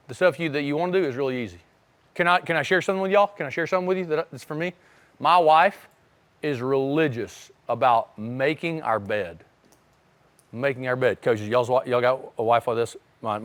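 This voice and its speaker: High-voiced man coaching young wrestlers. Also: a bit bright. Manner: conversational, checks in with listeners often. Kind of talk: motivational talk to young athletes.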